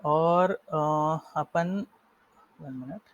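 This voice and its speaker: Young male coding tutor, slightly high voice, casual step-by-step explainer, dull lo-fi call audio. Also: very slow. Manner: casual, explains step by step, frequent self-corrections. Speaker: coding instructor. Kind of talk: live coding lesson.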